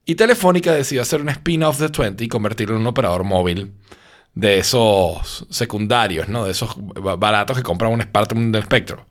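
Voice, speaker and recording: Hosting a laid-back podcast chat, a drowsy man from Venezuela tells a meandering story peppered with tag questions in his Venezuelan Spanish accent. He speaks briskly in a fairly low voice.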